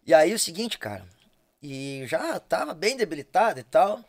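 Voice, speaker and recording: A man's voice: fairly high pitch, moderate pace. A man with a southern Brazilian accent from Rio Grande do Sul, an accordion player telling jokey stories in a casual podcast chat. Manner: animated, jokey storyteller who laughs a lot.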